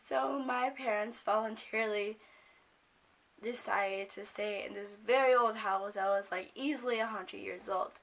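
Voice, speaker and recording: Raspy young American woman with a cold. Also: medium pitch, a little slow, fairly bright tone, rough recording. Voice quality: raspy, croaky smoker-like voice. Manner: rambling, informal, sweary. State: sick with a cold, coughing. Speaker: video blogger. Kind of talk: casual storytime.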